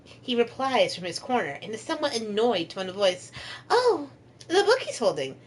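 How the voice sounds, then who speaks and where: High, lively woman reading game text. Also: normal speed, slight background noise. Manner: animated, playful, giggly narration. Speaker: streamer playing a visual novel. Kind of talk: reading game text aloud, casual stream chat.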